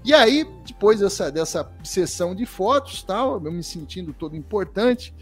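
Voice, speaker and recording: A Brazilian man in his fifties, an interview guest telling a lively story and acting out what people said. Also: high-pitched, normal speed, faint music behind. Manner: lively storyteller, acts out quoted dialogue. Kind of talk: storytelling anecdote.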